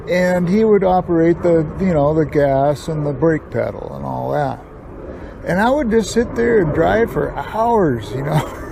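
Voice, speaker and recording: An older American man in his 60s or above hosts a storytelling vlog, reminiscing casually about his past. His voice is on the high side, gravelly and warm, and he rambles in a folksy way with chuckling asides. There's a little hiss or hum on the recording.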